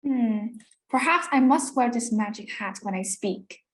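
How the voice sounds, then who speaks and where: A woman voicing a brave, polite young farm girl in a storybook reading, slow and earnest. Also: on the high side, lively intonation, pitched below the performer's own voice. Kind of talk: storybook read-aloud for English learners.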